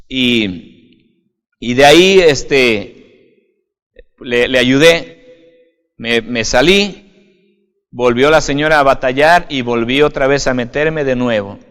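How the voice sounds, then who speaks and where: A man, a pastor giving an informal video sermon, speaking conversationally and often checking in with the listener. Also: medium pitch. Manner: conversational, often adds "right?", addresses listener as "usted". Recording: long hall reverb.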